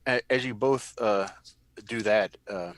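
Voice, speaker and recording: Low-voiced man running a tabletop game. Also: a little slow, no room sound. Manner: rambling, descriptive, many restarts. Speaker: game master.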